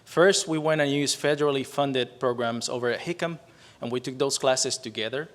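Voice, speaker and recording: Casual storytelling comes from a forties-aged man from Puerto Rico whose first language is Spanish and whose accent is Puerto Rican Spanish. Chatty and self-deprecating in his opening remarks, he keeps tagging lines with "right?", using a mid-range, slightly bright voice at normal speed.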